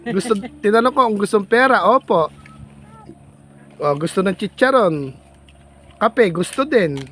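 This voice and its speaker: A man's voice: high-pitched, animated, unhurried, fairly bright tone, breathy edge. A man vlogging outdoors in farm fields, chatting with a child in a playful, teasing, coaxing way. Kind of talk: casual teasing chat with a child.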